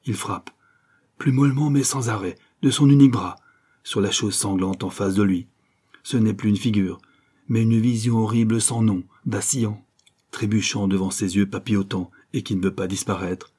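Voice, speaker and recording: A man's voice: fairly low pitch, dark tone, slightly rough. A man reading a novel aloud as an audiobook narrator, in an intense, dramatic delivery.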